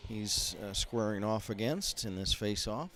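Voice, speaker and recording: A man calling a high school hockey game play by play, folksy and rambling with lots of fillers, from behind glass up in a rink mezzanine. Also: measured pace, a bit bright, a little hiss or hum. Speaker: play-by-play announcer. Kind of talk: amateur hockey play-by-play commentary.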